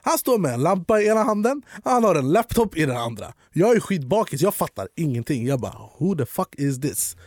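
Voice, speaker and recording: A young man spins a comic story on his podcast, his high voice leaping around as he plays out every line of dialogue. The sound is dry and close to the mic, with no room sound. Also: no room sound. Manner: animated, acts out dialogue with quick voice jumps. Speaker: podcast co-host. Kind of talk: comedic storytelling.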